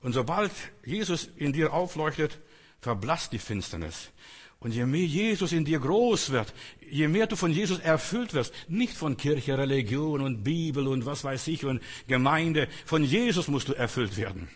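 Husky preacher in a big hall. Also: male voice, a little high, animated, normal speed. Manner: fervent, direct address with Bible quotes. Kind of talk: sermon. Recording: long reverb in a large hall.

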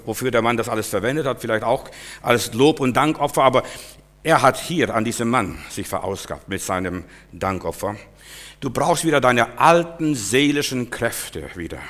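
A preacher delivers an impassioned sermon, his voice bright and forceful. He rises into loud, emphatic bursts and then drops to near-hushed lines, pressing his points on the listener directly. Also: medium pitch.

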